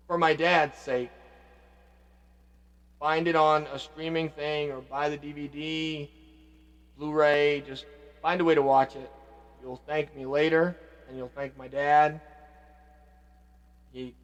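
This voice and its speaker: A man hosting a vlog, reminiscing casually and reflectively, often trailing off quietly. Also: medium pitch, long reverb tail. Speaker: vlog host paying tribute to his father. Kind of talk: casual spoken reminiscing between songs.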